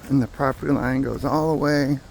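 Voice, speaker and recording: A man's voice: medium pitch, steady tone, brisk, a little mellow. Man giving casual outdoor tour, noisy background. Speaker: property owner giving a tour. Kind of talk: casual property tour narration. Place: outdoors on wooded rural land. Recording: clear outdoor background noise, insects.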